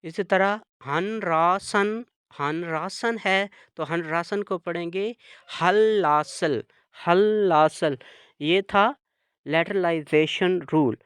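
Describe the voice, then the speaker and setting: A man teaching a language lesson, slowly explaining rules and repeating each example word. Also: high-pitched, fairly bright tone, smooth, no echo, clean studio sound. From Pakistan. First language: Urdu. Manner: spells out and repeats example words.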